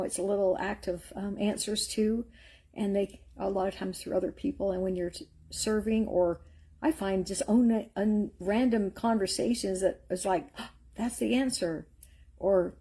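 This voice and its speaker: Husky, mellow-voiced woman giving faith encouragement. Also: mid-range voice. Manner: earnest, rambling, storytelling with filler words. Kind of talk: live-streamed faith encouragement talk.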